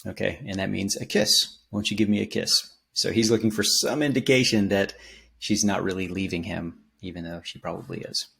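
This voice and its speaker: A man explaining song lyrics in a casual spoken language lesson, relaxed and rambling with many ums and restarts. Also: sits low, normal speed, gravelly. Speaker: language teacher.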